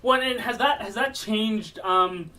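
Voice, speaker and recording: A man with a high voice co-hosts a casual interview, working his way into questions with restarts and repeated words. He sits some distance back from the mic, so he sounds a little removed. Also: unhurried, pushed and bright. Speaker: podcast co-host. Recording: voice somewhat far from the mic.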